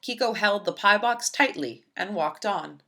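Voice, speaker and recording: A woman brings a children's picture book to life with expressive narration. Her voice is medium in pitch, and her delivery runs a little slow.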